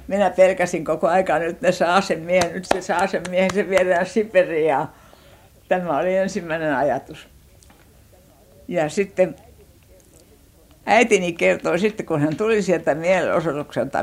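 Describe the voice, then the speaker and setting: A woman's voice: low-pitched, darkish tone. Elderly Finnish woman reminiscing. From Finland. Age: older. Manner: unhurried, searching for words with restarts. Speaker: elderly woman recounting her childhood. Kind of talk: oral history reminiscence.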